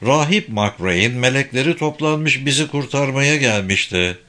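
A man giving a steady, measured audiobook narration of a novel. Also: medium pitch. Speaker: audiobook reader. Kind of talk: scripted narration.

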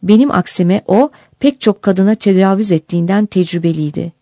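A woman narrating a first-person memoir aloud in a measured, steady storytelling delivery. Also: medium pitch, no echo. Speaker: audiobook narrator.

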